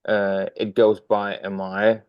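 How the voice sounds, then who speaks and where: Guesting on a podcast, a young drummer from Denmark talks casually, with lots of fillers, restarts and friendly rambling. His pitch is fairly low with little movement, and he speaks slowly in a clean tone. There's no echo, though the sound is lo-fi.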